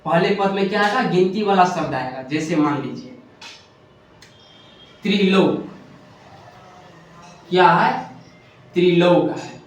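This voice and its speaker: In a classroom, a man at a board teaches Hindi grammar, posing questions he answers himself and often correcting himself. His high voice is slow with long pauses, and the muffled recording comes from a distant mic in a very echoey room with faint hiss.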